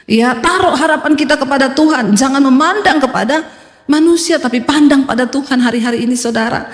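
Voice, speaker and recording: A woman's voice: high voice, a little fast. A woman pastor preaching a sermon emphatically, with humorous asides and acted-out quotes. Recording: echoey hall reverb.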